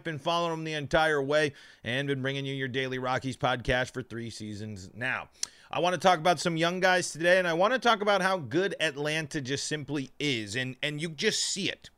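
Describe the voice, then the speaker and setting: Numb-mouthed man hosting a sports podcast, bright voice. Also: on the high side, clean tone. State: mouth numb from dental work. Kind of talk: live sports commentary.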